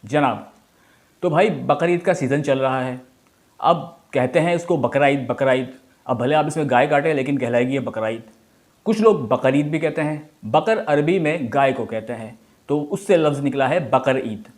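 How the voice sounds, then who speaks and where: A man's voice: medium pitch, lively intonation, moderate pace, a little mellow. A man with a Pakistani Urdu accent explaining word meanings in a chatty style, asking rhetorical questions as he teaches. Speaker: language teacher.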